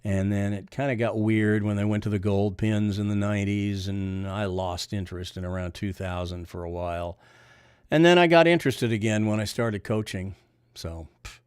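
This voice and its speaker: An older man with a Missouri accent and a deep, nasal voice, a bowling coach chatting casually on a livestream, rambling and reading viewer comments aloud before answering them. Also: moderate pace, clear, resonant tone, dry recording, clean studio sound.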